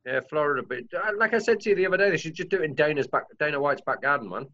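A man's voice: a little high, lively intonation, pushed and bright. Easygoing man, muffled lo-fi sound. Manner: easygoing, agreeable, quick to put on silly voices. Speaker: podcast co-host. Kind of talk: casual chat.

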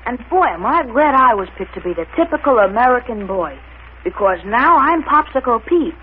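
A woman's voice: on the high side, slight background noise. A woman voicing an eager, wholesome boy in a gee-whiz 1930s radio advertisement, on a muffled old recording. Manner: gushing, gee-whiz enthusiasm.

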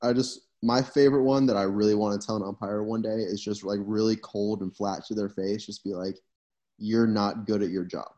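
A man's voice: fairly low pitch, steady tone, fairly quick, hardly any pauses, warm tone. A young man, a college baseball player, casually telling stories on a podcast he hosts. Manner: laid-back storytelling. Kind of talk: casual chat.

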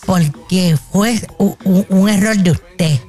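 A performer playing Choli, an excitable, gossipy woman caller with a Puerto Rican accent, in a comedic radio sketch who scolds and fusses theatrically. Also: slow, faint music behind, natural voice. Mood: scolding. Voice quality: animated, theatrical, jumps between high squeals and low grumbles. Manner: scolding, fussy, drags out words for comedy.

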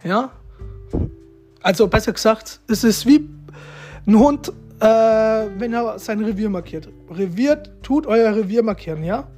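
A man with a high, somewhat mellow voice talks in an animated but unhurried way, with soft music behind him. He chats directly to his viewers, offering casual relationship advice, repeating himself and ending lines with little tag questions like "ja?" and "ne?".

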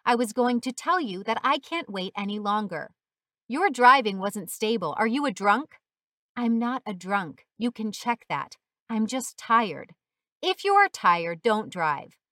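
A woman plays a furious male police officer, harsh and bullying, barking every order in a storybook reading. The voice is a touch high for a man and sits close and dry on the mic, with no room sound. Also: sing-song, a little slow, a bit bright, dry recording. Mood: hostile.

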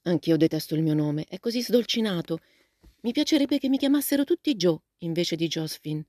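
A woman voicing a lively, outspoken teenage girl in a storybook reading, asking eager, gushing questions. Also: fairly low pitch, a little fast, no room sound, clean studio sound. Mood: friendly.

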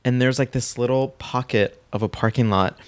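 A man's voice: mid-range voice, steady tone, normal speed, smooth, dry recording. A man in his thirties telling frank stories in a casual chat, laughing often. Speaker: podcast guest.

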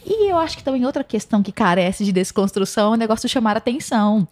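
Lively high-voiced Brazilian woman. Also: fast talker. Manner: animated, opinionated. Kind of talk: casual podcast chat.

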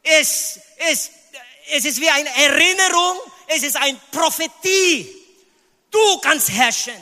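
A man in his fifties from the Philippines with a Filipino accent, preaching a sermon with emphatic, high exclamations. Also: animated, takes it slowly, sharp tone, in a large hall. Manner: emphatic preaching, sudden high exclamations, sprinkles English phrases. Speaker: pastor.

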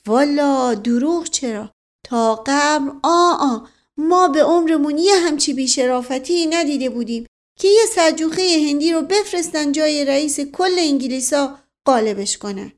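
A woman's voice: high voice, voice pushed up, lightly acted. A woman voicing a folksy, talkative old male servant in a storybook reading. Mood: excited. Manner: excited, rustic.

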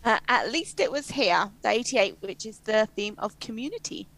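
A woman's voice: a little high, lively intonation, gravelly, a bit bright, poor audio. A woman co-hosting a casual chat, giggling often between her lines. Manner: giggly, drawn-out delivery. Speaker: podcast co-host.

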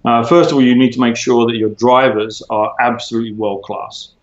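A man being interviewed, explaining at length in a measured way with frequent fillers and restarts. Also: mid-range voice, steady tone. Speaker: interview guest, former tech executive. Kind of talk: conversational interview. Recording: roomy, dull lo-fi sound.

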